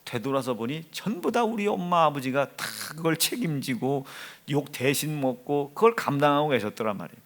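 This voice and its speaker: Animated middle-aged pastor with Chungcheong accent. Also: male voice, fairly high pitch, fairly quick, few pauses. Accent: Chungcheong Korean. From Chungcheong, South Korea. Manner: animated storytelling, swinging from hushed asides to loud exclaiming. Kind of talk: sermon.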